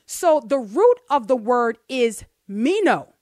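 A woman co-hosting a radio program, teaching scripture with rising fervor. She drives her points home by repeating phrases. Her voice sits fairly high and sounds dry and close. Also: expressive, normal speed, dry recording. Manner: emphatic, builds to fervent peaks, repeats phrases for emphasis. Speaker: radio show co-host. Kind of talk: impassioned radio Bible teaching. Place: radio studio.

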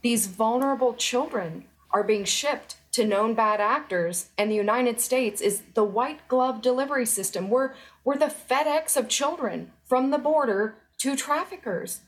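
In a remote news interview, a former federal employee in middle age presses her points with earnest, urgent emphasis. She speaks unhurriedly in a fairly high voice and rarely pauses.

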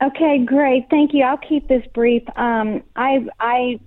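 A woman's voice: high-pitched, fairly even intonation, a little slow, no room sound. A woman from South Texas calling in over the phone to a talk show, speaking in a rambling, hesitant way. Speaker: caller. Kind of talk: call-in radio chat. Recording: tinny phone line.

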